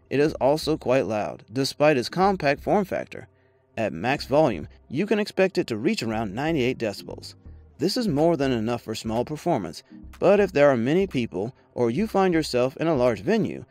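Background music accompanies a man's slightly mellow, medium-pitched voice as he reads a scripted product review in a slick, promotional style.

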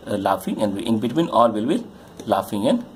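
A man's voice: on the low side, expressive, a little mellow, slight background noise. Man talking through a chemistry problem. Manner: halting, many uh fillers, pointing at a diagram. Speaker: chemistry tutor. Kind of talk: explaining a solved problem on a board.

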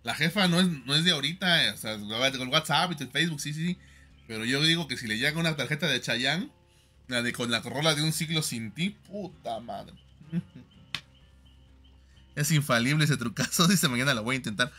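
A man's voice: mid-range voice, lively intonation, moderate pace, pushed and bright, breathy edge. A young man with a Mexican accent chatting on a livestream, giving joking, slangy advice to viewers with lots of fillers. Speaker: livestream host.

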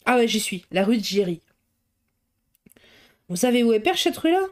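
A woman's voice: on the high side, very animated, moderate pace. Breathless rambling gossip cook, as a woman reader puts her on, chatty and colloquial. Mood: gossipy.

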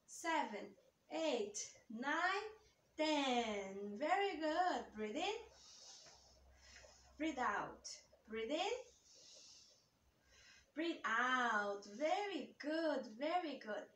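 A woman's voice: high voice, fairly bright tone. A middle-aged woman as an aerobics instructor leading a workout, calling out counts and short, simple, encouraging cues. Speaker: exercise instructor for children. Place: indoor room with bare wall and wooden floor. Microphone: camera a few metres away. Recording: roomy echo, distant mic, background noise.

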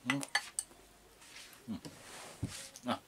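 A man's voice: drawn-out words, pushed and bright, slight background noise. A man vlogging casually while eating, speaking with his mouth full in a plain, plaintive way. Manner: plain, plaintive talk about debts. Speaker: mukbang vlogger.

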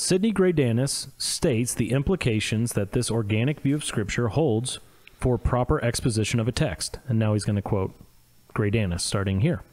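This podcast co-host has a lowish, somewhat dark male voice and a Midwestern accent. On a theology discussion show, he reads quotations aloud and drops in small asides.

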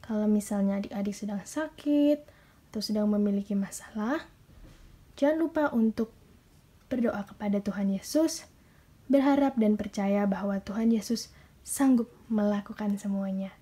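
A young woman with an Indonesian accent telling a Bible story to small children as a Sunday school teacher, in a coaxing, sing-song, drawn-out way. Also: mid-range voice, warm tone.

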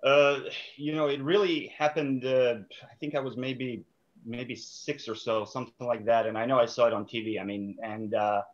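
A man's voice: medium pitch, fairly even intonation, normal speed. A man from Serbia in his thirties, a sport psychologist guest speaking thoughtfully with many fillers and restarts over a video call. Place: small room indoors. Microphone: video call webcam. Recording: dull lo-fi call audio.

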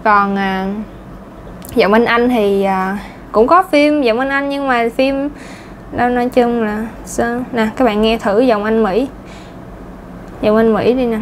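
Her voice is a little high, steady in tone, and slow, with slight background noise in the clip. She's a Southern Vietnamese woman teaching English pronunciation in a chatty, casual way, sprinkled with fillers and little laughs.

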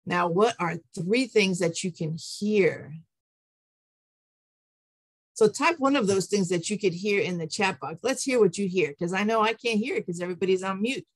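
A woman's voice: mid-range voice, normal speed, dry recording. A woman leading an online training session as a presenter, encouraging and affirming as she guides participants. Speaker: teacher trainer, webinar presenter. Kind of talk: interactive webinar presentation. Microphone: computer mic on an online call.

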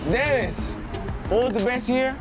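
With music playing in the background, a young man hams it up as a joking car salesman on an outdoor lot, teasing customers in slang and laughing often. His voice is extremely high and a little slow, and the banter is laid-back, playful and comedic.

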